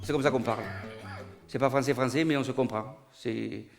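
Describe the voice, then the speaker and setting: A man with a Niçois southern French accent telling a comic monologue, animated and rising to loud outbursts. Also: medium pitch, moderate pace, vocal fry, music in the background. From Nice, southern France. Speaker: stand-up comedian. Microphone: studio recording.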